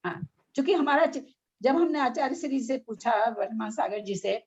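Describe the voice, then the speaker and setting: A woman's voice: high voice, animated, moderate pace, darkish tone, husky, highs cut off. A middle-aged woman leading a casual spiritual discussion, frank and argumentative, full of rhetorical questions. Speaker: religious discussion leader.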